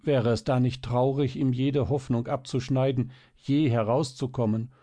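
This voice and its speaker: A man's voice: mid-range voice, normal speed, mellow, no echo, voice pushed up, natural voice. A man voicing a frail, shy little sick girl in a storybook, pleading and earnest. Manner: eager, pleading.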